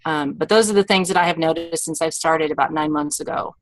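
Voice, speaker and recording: A woman's voice: deep voice, fairly quick, no room sound, low-quality recording. A woman with an Oklahoma accent giving a casual personal testimonial. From Oklahoma, United States. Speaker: guest giving a product testimonial.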